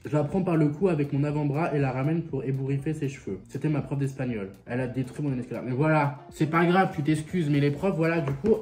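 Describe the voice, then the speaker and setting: A man's voice: mid-range voice, dark tone. A young man with a French accent chatting casually and sassily while eating, swearing freely and talking with his mouth full. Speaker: vlogger reacting to viewer stories.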